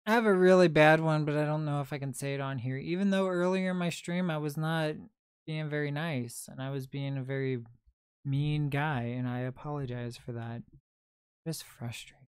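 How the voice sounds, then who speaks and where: A man's voice: on the high side, moderate pace, clear, resonant tone, no echo, studio quality. A man in his twenties hosting a casual livestream, chatting and answering viewer comments as they come in. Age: 20s. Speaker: livestream host and reseller.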